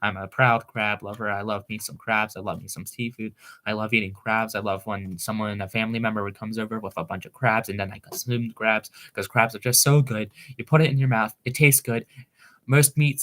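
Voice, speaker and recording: Rambling, excitable young streamer man. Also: fairly low pitch, no room sound. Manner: rambling, excitable, talks fast. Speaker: live streamer. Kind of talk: casual live-stream chat.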